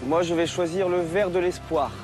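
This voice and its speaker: A man's voice: high voice, fairly even intonation, normal speed. A man, a reality show contestant, casually cheering and coaching from the sidelines with short repeated encouragements. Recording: loud music behind the voice.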